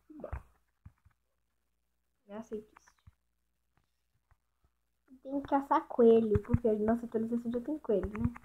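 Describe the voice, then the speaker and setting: Mineira woman hosting a gaming channel, higher voice, chatty play-by-play, tinny lo-fi mic. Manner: chatty, talks to the animals and viewers as she plays. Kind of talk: casual Minecraft gameplay commentary. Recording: tinny lo-fi mic with faint hiss.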